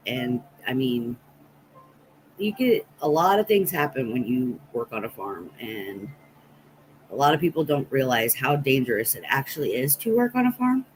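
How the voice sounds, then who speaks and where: This Nebraska woman hosting a livestream has a bass voice and a very animated delivery at a moderate pace as she rambles through casual anecdotes for her viewers. Expect poor audio with a bit of hiss or hum.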